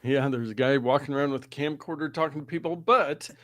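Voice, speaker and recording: A man's voice: mid-range voice, quick pace, no room sound. A man hosting a tech podcast in casual chat, chatty and going into detail. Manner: chatty, detailed, explains at length. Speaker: podcast host. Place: Pacific Northwest.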